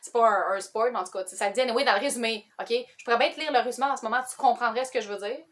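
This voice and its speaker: Chatty Quebec woman with a high voice. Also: racing, fairly bright tone. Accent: Quebec French. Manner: chatty, rambling, with self-interrupting asides. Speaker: book vlogger. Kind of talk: casual chat to camera.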